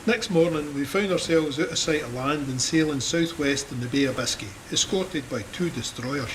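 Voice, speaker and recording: A man with a fairly high, natural-sounding voice speaks at a moderate pace over background noise. He's an actor with a Scottish accent narrating an audio drama, playing a wry, plain-spoken cavalryman who recounts his war in a dramatised first-person memoir. The mood is wry and reflective.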